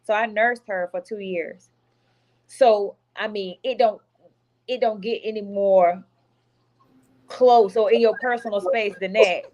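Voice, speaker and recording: A woman's voice: medium pitch, steady tone, a little slow, pauses often, darkish tone, rough recording. A woman guest, a priestess, talking candidly in a casual online chat and laughing easily. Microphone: video call.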